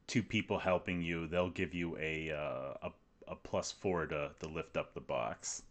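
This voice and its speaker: A man narrating a tabletop game as game master, steady and descriptive, in a room shared with the players on one mic. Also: extremely low pitch, measured pace.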